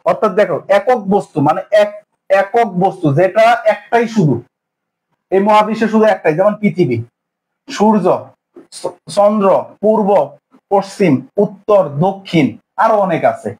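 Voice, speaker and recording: A man's voice: high-pitched, normal speed, pauses often, a little mellow, poor audio. A young man teaching an exam-prep grammar lesson, asking questions and answering them himself in repeated drills. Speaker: English teacher.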